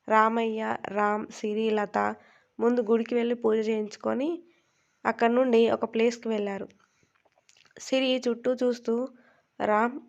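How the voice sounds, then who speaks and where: A woman's voice: fairly high pitch, gravelly, darkish tone, highs cut off. A woman narrating a story aloud and reading every character's lines in her own voice. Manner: reads all characters in her own voice with little change.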